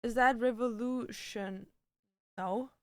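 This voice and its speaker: Her voice is fairly high, clear and resonant, with slow pacing and fairly even intonation, recorded with no room sound. She's a livestreamer at an indoor home setup, chatting casually with viewers and responding in a slangy, blunt, cheerfully foul-mouthed style.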